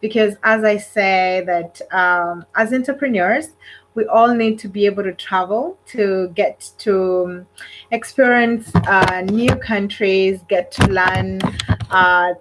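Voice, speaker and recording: A Kenyan woman hosts a casual solo livestream, speaking straight to her viewers with many fillers and hesitations. Her medium-pitched voice moves slowly, and the recording is rough.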